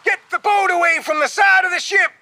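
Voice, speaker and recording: A man's voice: sits high, unhurried, pushed and bright, voice pushed up, full character voice. A man voicing a commanding, grave ship captain with an emphatic delivery in an audiobook story. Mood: urgent shouting. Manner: emphatic, short urgent orders. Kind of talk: audiobook character dialogue.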